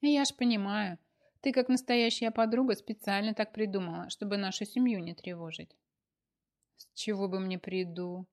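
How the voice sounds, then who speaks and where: A woman's voice: medium pitch, steady tone, normal speed, lightly acted. A woman voicing an eager young woman in love who talks in a girlish, pleading way. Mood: defensive.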